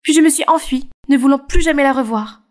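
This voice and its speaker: A woman voicing a shy young webtoon artist who narrates her own story in an animated dub, with expressive storytelling. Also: high voice, brisk, natural voice. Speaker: narrator and heroine.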